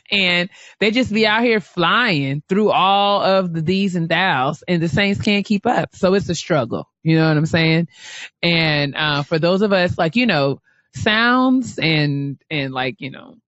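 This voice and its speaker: A woman co-hosting a casual podcast, talking in an animated way and repeating phrases as she builds a point. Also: fairly low pitch, a little slow, dry recording, muffled recording. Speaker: podcast co-host.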